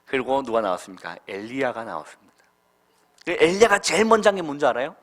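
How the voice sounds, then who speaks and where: A man preaching a Sunday school sermon to children, quizzing them with questions and swinging from loud calls to soft murmurs. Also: medium pitch, animated, fast. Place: church.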